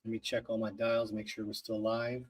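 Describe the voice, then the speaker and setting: A man's voice: lowish voice, monotone, moderate pace. Male podcast co-host, casual livestream chat, rambling, joking.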